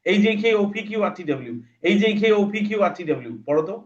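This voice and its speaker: Male English teacher, fairly high voice, patient slow letter drills, dull lo-fi online-class audio. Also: lively intonation.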